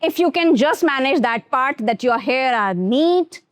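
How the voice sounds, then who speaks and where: A high-voiced woman with an Indian accent leads a grooming class, mixing Hindi and English as she talks straight to her students. She speaks slowly and deliberately, drawing words out. The sound is dry and close, with little room echo. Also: animated. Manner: mixes Hindi and English, addresses students directly. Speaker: teacher.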